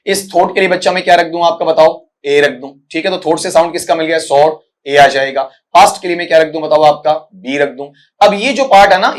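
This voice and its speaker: A man teaching an exam-prep English lesson, explaining step by step and asking and answering his own questions. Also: a little high. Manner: reads English lines out slowly.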